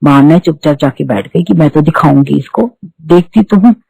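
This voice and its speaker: A woman's voice: low-pitched, normal speed, gravelly, warm tone, slightly rough, dry recording, rough recording. A middle-aged woman, telling her spiritual testimony earnestly and repeating herself as she goes. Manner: earnest, repetitive storytelling with restarts. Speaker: devotee giving testimony.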